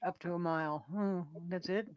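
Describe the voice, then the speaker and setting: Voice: mid-range voice, fairly even intonation, normal speed, muffled recording, very noisy. A speaker on a casual group chat show, reading facts aloud and correcting the others.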